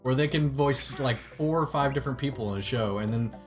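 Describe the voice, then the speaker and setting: A man in easygoing gaming-stream chat, slangy and quick to laugh, at an ordinary pitch. Game music plays clearly in the background behind his voice. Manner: laughs often, loose slangy talk.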